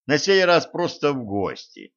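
A man narrating a fantasy story in a steady storytelling manner. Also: fairly high pitch, unhurried. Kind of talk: audiobook narration. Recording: dull lo-fi recording.

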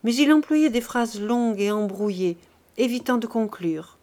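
A woman with a fairly high voice reads a classic novel as an audiobook, narrating in a measured, even storytelling style.

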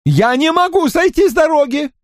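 A man voicing a cowardly, panicky gentleman in high, pleading, shrill tones in an audiobook. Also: animated, normal speed, dry recording, clean studio sound.

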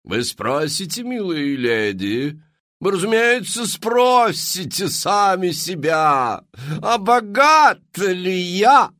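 A man's voice: high voice, sing-song, slow pace, no echo, studio quality, voice pushed up, full character voice. A man voicing a pompous, showy female fashion queen who sells to a crowd in a theatrical, grand manner. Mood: loud scheming. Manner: theatrical, grand, rising to loud exclaims.

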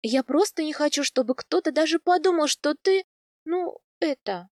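A woman reading aloud, voicing a spirited young wife who pleads, coaxes and flares up in a raised, bright voice. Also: high voice, animated, moderate pace, no echo, studio quality, voice pushed up. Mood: pleading. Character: spirited young wife, quick-tempered and coaxing.

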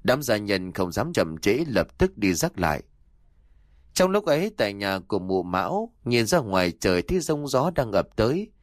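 A man tells a ghost story in a low, expressive voice with a lot of rise and fall. He reads the narration dramatically. The recording is dry and close. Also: moderate pace, no room sound. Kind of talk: audiobook horror narration.

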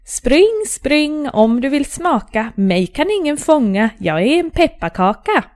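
A woman's voice: sing-song, darkish tone. A woman doing a cheeky sing-song gingerbread man. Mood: taunting. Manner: high sing-song taunting chant.

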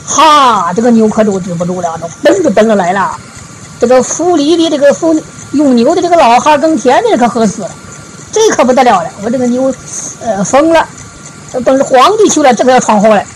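A woman giving a Buddhist dharma talk, retelling a parable in a folksy storytelling way, with frequent drawn-out filler particles. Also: high voice, a little hiss or hum, rough recording. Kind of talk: storytelling sermon.

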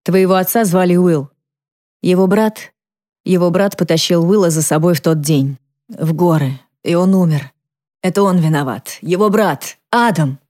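Drunk frantic mom as a woman reads her, slurring, swings from muttering to yelling, low mellow voice. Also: normal speed, natural voice. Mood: bitter. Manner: slurred, lurching between mumbling and shouting. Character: drunk distraught mother, middle-aged woman. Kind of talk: audiobook character reading.

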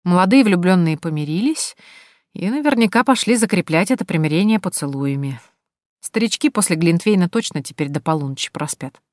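Woman voicing a courteous, flattering businessman. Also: lowish voice, fairly quick, dry recording, clean studio sound, close to an everyday voice. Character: attentive, courteous male businessman, gently flattering.

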